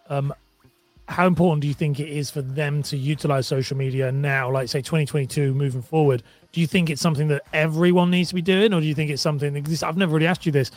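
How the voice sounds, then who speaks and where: A man's voice: a little high, no echo. A man hosting a casual interview, putting questions in a rambling, roundabout way.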